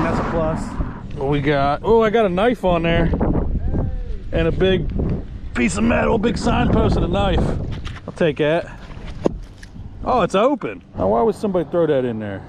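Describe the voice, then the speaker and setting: A young man hosting a magnet fishing vlog, giving excited running commentary on each find from a bridge over a river, recorded on a body-worn camera in strong wind. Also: on the high side, gravelly. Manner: excited, says dude and bro a lot, thinks aloud. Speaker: magnet fishing channel host. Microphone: first-person body-worn action camera. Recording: wind noise on an outdoor action camera. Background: wind noise.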